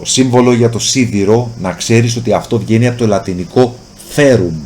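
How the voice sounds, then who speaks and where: A man's voice: mid-range voice, darkish tone, a little hiss or hum. A man with a Greek accent explains chemistry as a teacher would to a single student. He asks questions and answers them himself. He stretches out the important words to make them stick. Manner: stretches key words slowly for emphasis. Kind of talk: explanatory lesson, addressing the student directly.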